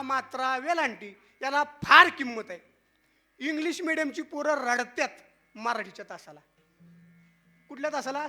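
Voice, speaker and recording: A man's voice: very high voice, bright, forceful tone. A man giving a devotional kirtan discourse, playfully quizzing the crowd in call and response. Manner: playful teasing with the audience. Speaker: kirtan preacher.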